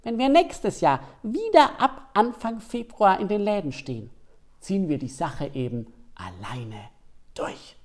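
Scheming male Easter bunny, read by a man, high-pitched, gleeful and lively in storybook style. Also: unhurried. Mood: resigned. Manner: gleeful, plotting.

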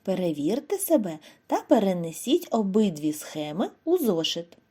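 A Ukrainian woman teacher giving a scripted lesson to young children, in a slow, clear, sing-song way. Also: mid-range voice, very animated, dark tone. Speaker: primary school teacher.

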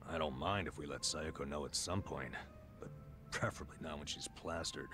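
A man's voice: extremely low pitch, a little fast, over music. An actor playing a weary, self-loathing middle-aged man in a dramatic video game scene. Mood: dejected.

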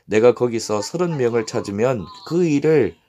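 A man voicing God as a solemn, authoritative male deity who speaks in grave, measured pronouncements, in a scripture reading. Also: mid-range voice, animated, dark tone, lightly acted.

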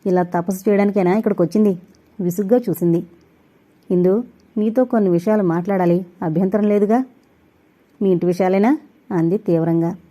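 A woman's voice: medium pitch, steady tone, brisk. A woman reading a novel aloud, narrating and voicing every character's dialogue. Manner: reads all characters, rising louder in quarrels. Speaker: audiobook narrator.

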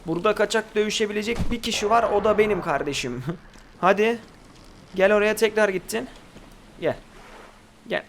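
A man's voice: high-pitched, moderate pace, pauses often, background noise. A man hosting casual gameplay commentary, chatting to his viewers and teasing the creatures in the game. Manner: chatty, talks to viewers and to the game creatures, swears when startled. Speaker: gaming video host.

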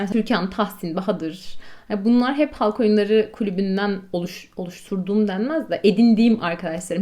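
A woman's voice: mid-range voice, darkish tone. A woman in her twenties chatting casually to camera, telling stories with self-mocking humor and frequent laughter. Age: 20s. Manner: chatty, self-mocking, laughs often, acts out own quotes. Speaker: vlogger, medical doctor. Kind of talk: casual storytelling chat.

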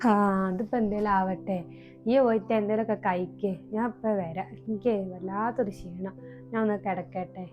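A woman's voice: medium pitch, steady tone, normal speed, dull audio, music in the background, natural voice. A woman with a Malabar Malayalam accent playing a weary, questioning mother of the household, in a comedy skit.

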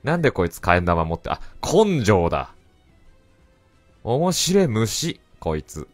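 A man giving casual, excitable commentary over his own gameplay and often shouting back at the game. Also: fairly low pitch, a little slow, no room sound. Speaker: let's play commentator. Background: faint game music.

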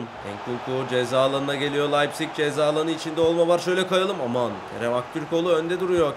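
A young man with a fairly high voice narrates his football video game, chatting calmly one moment and shouting play-by-play the next. There is a faint hiss of noise behind him. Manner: swings from calm chat to shouted play-by-play. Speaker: gaming YouTuber. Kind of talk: excited game commentary.

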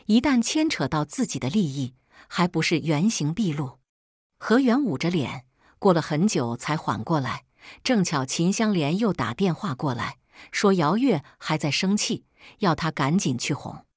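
A woman telling a first-person story in a calm, measured scripted narration. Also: sits low, husky, no echo, clean studio sound.

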